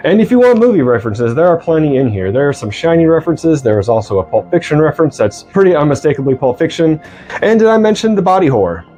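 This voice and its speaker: Mellow-voiced man in his forties reviewing a film. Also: on the high side, sing-song, fast talker, soft background music. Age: 40s. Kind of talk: scripted movie review.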